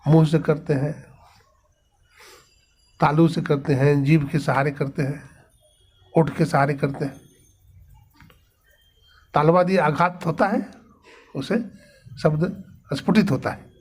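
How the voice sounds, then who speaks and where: A man's voice: on the high side, fairly even intonation, slow pace, pauses often, darkish tone, husky. A man giving a devotional sermon, asking rhetorical questions and answering them himself. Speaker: spiritual preacher.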